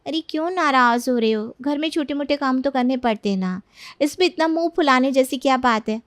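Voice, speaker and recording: A woman's voice: high-pitched, fairly quick, dry recording, clean studio sound, close to an everyday voice. A woman voicing a kind, obliging young woman in a cartoon story, talking sweetly and always ready to help. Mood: fretting.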